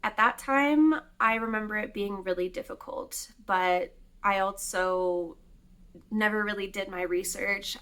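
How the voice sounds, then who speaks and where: A woman in her late twenties chats to the camera in a casual home vlog. She talks slowly and easily, at a middling pitch, with fillers and small laughs. She sounds like she is recorded on a camera mic in her kitchen. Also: a bit bright. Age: 20s. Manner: chatty and unhurried, with fillers and little laughs. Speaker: vlogger.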